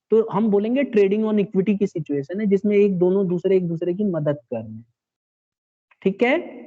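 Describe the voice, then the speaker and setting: A man's voice: high voice, dark tone. A man teaching a classroom lecture, explaining step by step and checking in with his students. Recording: dull lo-fi classroom recording.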